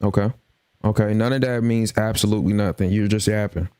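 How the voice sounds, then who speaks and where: A man's voice: fairly low pitch, steady tone, brisk, clean tone. A man hosting a heated live debate, cutting in often and repeating himself to take control. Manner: forceful, interrupts and repeats himself. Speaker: host of a live debate stream.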